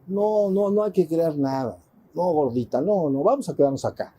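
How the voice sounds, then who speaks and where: A man's voice: fairly high pitch, lively intonation, moderate pace, warm tone, a little hiss or hum, close to an everyday voice. Man doing a weary, unbothered god husband. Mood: grumbling refusal. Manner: teasing, grumbling, dismissive.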